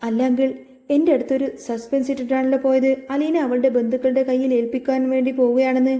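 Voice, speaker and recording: A woman's voice: sits high, little pitch movement, quick pace, dark tone, lightly acted. Woman reading as an anxious young lover. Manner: anxious, pleading. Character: anxious young man in love, pleading.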